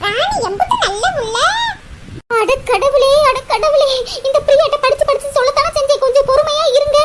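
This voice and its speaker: A woman voicing a loud, melodramatic village woman in a cartoon, scolding and wailing with a Tirunelveli Tamil accent. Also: very high-pitched, fairly quick. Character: loud, dramatic village woman Rani, older sister. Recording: loud background noise.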